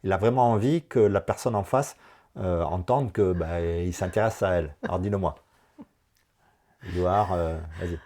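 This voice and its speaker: A man coaching a woman through a personal session, animated and encouraging, talking in quick bursts. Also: sits low. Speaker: enneagram coach.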